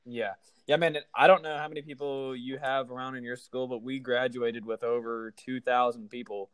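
A man's voice: mid-range voice, flat delivery, normal speed, clean tone, no echo. A man of twenty hosting a podcast, talking loosely and swearing often, with lots of fillers. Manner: loose and profane, with many fillers. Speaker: podcast host. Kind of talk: casual chat.

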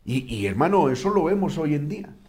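Male preacher-teacher, slightly high voice, fervent, halting delivery full of "amen" and "brother". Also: very animated. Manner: repeats "amén" and "hermano", stumbles and restarts often; emphatic on key words, drops low and soft on solemn points. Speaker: preacher teaching a Bible class. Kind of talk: sermon-style Bible teaching.

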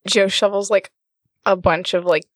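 A woman's voice: medium pitch, fairly even intonation, moderate pace, a bit bright, no echo. A woman playing in a tabletop game, describing what her character does. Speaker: player. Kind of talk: tabletop role-play.

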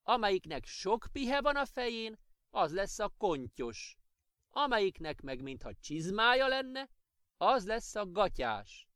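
A kind old grandmother soothes and explains in a raised, gentle voice, put on by a man reading a children's storybook. Her speech is patient and smooth, rising and falling with warmth toward her grandchild. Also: sits high, sing-song, dry recording, clean studio sound, voice pushed up. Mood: soothing.

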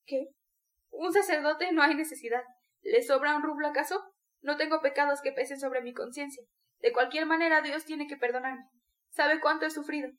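A woman's voice: high-pitched, steady tone, normal speed, fairly bright tone. A woman voicing a dying mother in delirium, feverish and torn between pleading and rage, in an audiobook reading.

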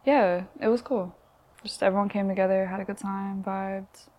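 A woman's voice: mid-range voice, steady tone, normal speed, dull audio. A woman in her twenties, a visual artist being interviewed in a bedroom, talking in a laid-back way with lots of filler words. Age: 20s. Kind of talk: casual interview chat.

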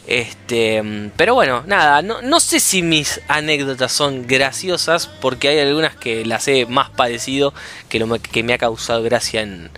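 A man with an Argentine accent chatting casually on a podcast, animated and acting out arguments. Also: medium pitch, normal speed. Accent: Argentine Spanish. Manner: animated, acts out phone arguments in different voices. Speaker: podcast co-host. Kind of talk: casual chat.

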